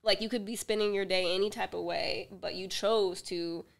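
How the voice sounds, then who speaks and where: A woman director chatting as a podcast guest, telling animated stories and acting out the other people in them. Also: medium pitch, normal speed, creaky. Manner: animated storyteller who acts out dialogue with laughs. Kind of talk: casual podcast chat. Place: podcast studio.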